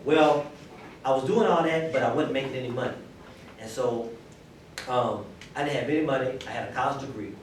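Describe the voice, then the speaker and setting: A male teacher with a Southern US accent talks to a class in a conversational storytelling way. He sounds distant in a very echoey room with clear background noise. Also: mid-range voice, a little fast. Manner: conversational storytelling, checks in with listeners. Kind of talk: informal classroom talk. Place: indoor classroom.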